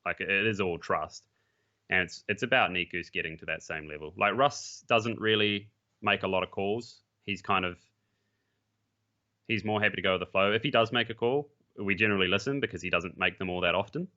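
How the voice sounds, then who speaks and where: A pro esports player appears as a podcast guest, his low voice brisk and sharp as he talks casually and bluntly, often restarting and swearing now and then. The mic sounds muffled and lo-fi.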